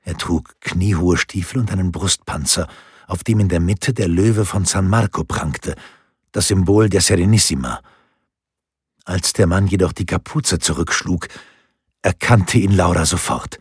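A man reading an audiobook in a steady, measured storytelling voice. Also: sits low, slightly rough, no echo, clean studio sound. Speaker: narrator. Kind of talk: audiobook narration.

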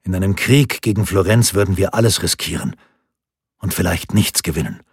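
A man voicing a calm, grave imprisoned nobleman in an audiobook, measured and sober. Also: low voice, creaky, slightly rough, dry recording, clean studio sound, full character voice.

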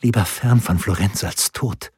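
A man reading a grave, resolute imprisoned nobleman, very low and husky. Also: unhurried, a little mellow, dry recording, clean studio sound.

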